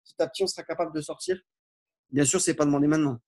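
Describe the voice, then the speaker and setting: Man teaching Arabic in a slow classroom voice. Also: on the high side, steady tone, darkish tone. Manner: reads Arabic phrases slowly, then explains in French; informal, reassuring explanations. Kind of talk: online language lesson.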